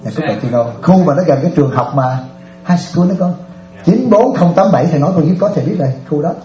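A man's voice: on the high side, fast talker, roomy sound, highs cut off. A Buddhist monk, animatedly telling stories in a dharma talk and often laughing with his audience. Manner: animated storyteller, often laughing, addresses listeners directly.

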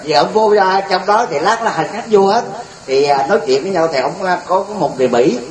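A man telling a joke to an audience, animated and polite, often answering with a quick yes. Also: high voice, roomy sound, background noise.

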